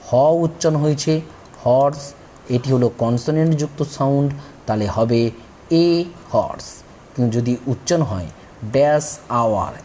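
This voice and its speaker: A man's voice: medium pitch, mellow, a little hiss or hum. A man teaching a grammar lesson, spelling out words letter by letter and explaining patiently. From India.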